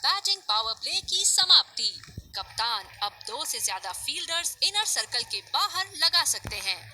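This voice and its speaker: A woman calling cricket in Hindi with short, punchy, excited game-commentary lines. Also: high-pitched, normal speed, music in the background. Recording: clearly noisy background.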